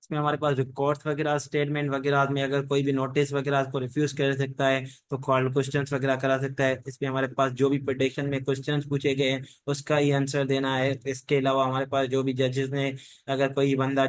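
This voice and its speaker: An online law teacher with a medium-pitched male voice speaks without any room sound. He delivers a casual, meandering lecture that keeps returning to familiar set phrases, combining Hindi-Urdu with English legal terms.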